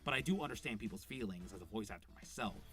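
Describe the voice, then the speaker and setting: A man's voice: on the low side, lively intonation, fast, fairly bright tone. Man, voice actor, unscripted commentary, enthusiastic, rambling, fillers, faint music behind. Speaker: voice actor reviewing a show.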